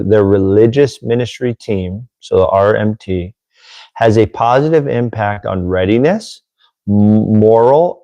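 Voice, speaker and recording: A man's voice: on the low side, warm tone, dry recording, low-quality recording. A man hosting a casual livestream, chatty and self-deprecating, sorting out his microphone and then reading from a military handbook. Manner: chatty and self-deprecating, fiddling with audio gear. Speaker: host, former Marine Corps religious lay leader. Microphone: desk microphone with gain control. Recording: dry, close, slightly clipping mic.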